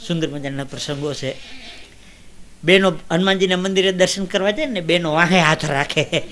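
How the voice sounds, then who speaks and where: A man from Gujarat, doing folk stand-up storytelling that swings from hushed asides to loud, emotional declaiming. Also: fairly high pitch, moderate pace, crowd noise. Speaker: stand-up comedian.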